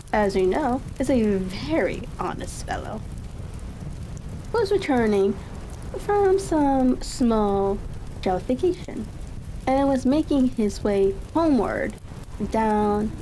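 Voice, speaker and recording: A woman with a mellow, high voice softly reads a story as a calm ASMR audiobook reader. A steady rain-like crackle sits behind her, with fireplace crackling and ambient noise in the background.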